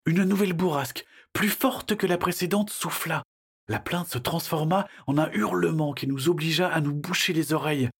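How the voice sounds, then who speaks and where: A man narrating a children's adventure audiobook in a lively storytelling manner. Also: a little high, normal speed, creaky, slightly rough. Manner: lively storytelling, shifting into character voices.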